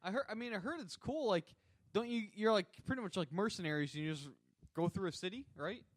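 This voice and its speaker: A young man with a high, very lively voice tells a gaming story between laughs, acting out what was said. He is a little out of breath, and the sound is dry and close. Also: brisk, no echo. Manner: laughing storyteller, acts out quotes. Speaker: podcast co-host. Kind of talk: casual gaming chat.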